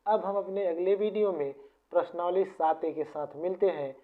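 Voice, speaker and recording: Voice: mid-range voice, moderate pace. A maths teacher patiently explaining formulas step by step, often repeating points. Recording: tinny phone-like sound.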